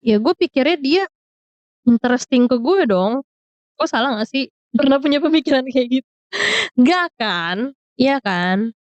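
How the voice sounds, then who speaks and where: This young vlogger's voice is high-pitched with a darkish tone, recorded without echo. Her storytime is casual and full of Jakarta slang, with English words dropped in as she chats away.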